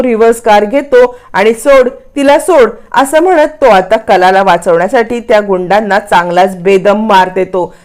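A woman retelling a TV serial plot in an animated way, often repeating phrases. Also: a little high.

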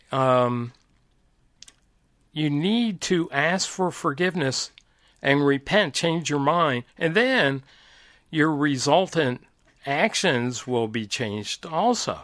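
Middle-aged male Bible teacher, slow and animated, close dry mic. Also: medium pitch, dry recording. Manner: slow, deliberate, explanatory. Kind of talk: informal Bible teaching monologue.

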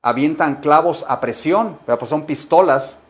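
A man teaching English to Spanish speakers, coaxing students to repeat phrases and slowing down to stress each English word. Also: fairly high pitch.

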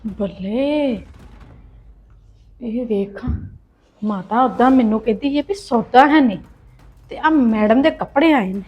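A woman playing a sharp-tongued sister-in-law in an amateur family drama, nagging and taunting her relative. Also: a little high, takes it slowly, long pauses, breathy edge, highs cut off. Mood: grumbling.

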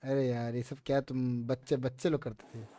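A man's voice: medium pitch, flat delivery, normal speed, dark tone, slight background noise. A young man from India reacting to memes, swearing and laughing in casual slang. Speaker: meme reviewer. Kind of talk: casual meme reaction commentary.

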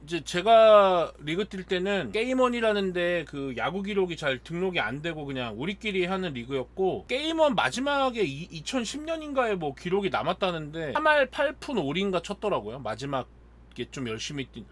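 A man in his thirties, a channel host, telling a story in animated casual chat and acting out heated quotes. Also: high voice, a little fast.

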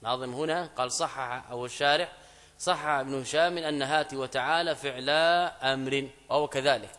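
A man teaching an Arabic grammar lesson in a mosque. He explains step by step, repeats key phrases, asks students checking questions, and reads quoted examples slowly and louder. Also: mid-range voice, fairly even intonation. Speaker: Islamic scholar teaching grammar. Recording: long mosque reverb.

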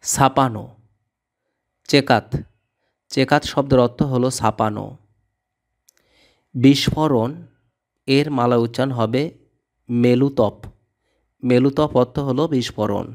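A man teaching vocabulary, reading each word and its meaning and repeating it in a steady drill. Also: mid-range voice, measured pace, pauses often. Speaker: language tutor. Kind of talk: scripted vocabulary lesson.

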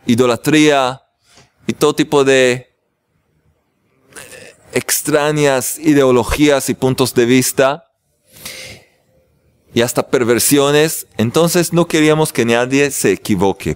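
A man's voice: medium pitch, clean tone, dry recording. A man, a rabbi, teaching a religious class, joking with his audience and then explaining the text.

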